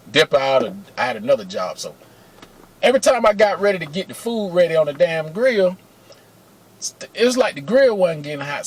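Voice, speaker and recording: A middle-aged man with a fairly high voice spins a personal story straight to his camera. He talks in a loose, slangy way, curses freely and keeps calling out to his viewers. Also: slightly rough. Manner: animated, slangy and profane, addresses viewers as y'all. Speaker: vlogger telling personal stories. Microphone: camera mic, close.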